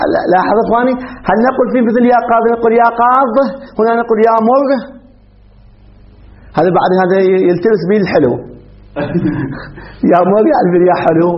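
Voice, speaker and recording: A man's voice: high-pitched, fast talker, long pauses. A man teaching a grammar lesson, firing questions at his class and laughing often. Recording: dull lo-fi classroom recording.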